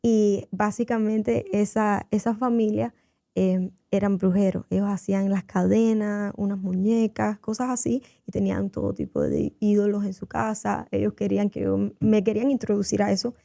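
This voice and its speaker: A woman's voice: mid-range voice, steady tone, moderate pace, vocal fry, warm tone, no echo, studio quality. A woman giving her personal faith testimony as a guest on a radio interview, telling her story earnestly, acting out the voices she quotes and dropping in English fillers. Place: radio studio.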